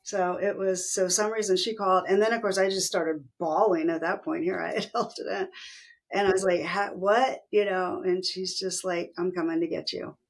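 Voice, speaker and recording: Gravelly-voiced woman telling her story. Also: normal speed. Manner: animated retelling, acting out quoted voices with pitch jumps. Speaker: interview guest. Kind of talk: candid personal storytelling.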